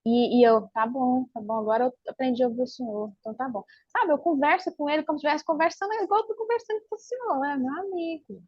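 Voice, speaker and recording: A woman's voice: high-pitched, quick pace, hardly any pauses, dry recording. A woman with a Brazilian accent telling a personal church testimony to her pastor, acting out the dialogue as she goes. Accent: Brazilian Portuguese. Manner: lively storyteller acting out dialogue. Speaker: church member giving testimony. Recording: dull lo-fi dry recording.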